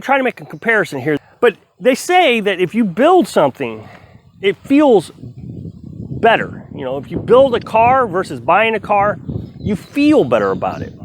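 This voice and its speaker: Here a middle-aged man chats earnestly and casually while chopping firewood outdoors for a homestead vlog. There's no room sound around his high voice, and his talk wanders, sincere and self-reflective.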